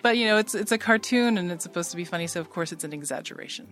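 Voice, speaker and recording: Lowish woman retelling a cartoon plot. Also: rapid-fire, fairly bright tone. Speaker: patent attorney guest. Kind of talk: casual interview chat.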